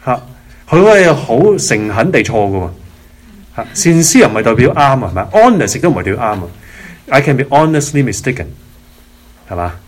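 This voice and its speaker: A man's voice: medium pitch, sing-song, a little fast. A man leading a prayer and Bible-reading session, teaching in a spoken style that mixes English words into Cantonese and keeps asking the listeners rhetorical questions.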